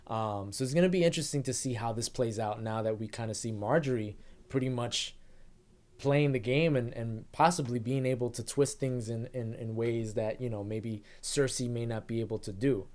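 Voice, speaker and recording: A man's voice: mid-range voice, moderate pace. A man co-hosting a casual TV review chat, talking animatedly and often acting out characters. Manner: animated, laughing, acts out characters. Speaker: podcast co-host.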